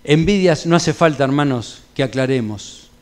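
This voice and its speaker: A man's voice: medium pitch, lively intonation, normal speed. A middle-aged man with a Rioplatense accent, a pastor leading an evening church Bible study, preaching in a conversational way with homely anecdotes and colloquial asides. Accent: Rioplatense Spanish. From Argentina.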